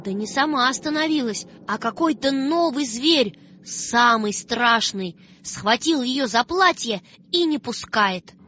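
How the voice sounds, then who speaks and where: Slow, expressive woman reading a children's tale. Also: fairly high pitch. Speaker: storyteller. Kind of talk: scripted storybook narration. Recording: dull lo-fi sound with faint music.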